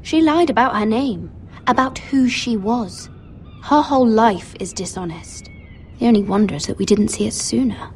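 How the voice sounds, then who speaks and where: Guarded young handmaiden played by an actress, game drama; fairly high voice, controlled and deferential. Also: female voice, normal speed, darkish tone, slight background noise, natural voice. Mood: contemptuous. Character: guarded, self-possessed young handmaiden to a noble lady. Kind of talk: dramatic video game acting.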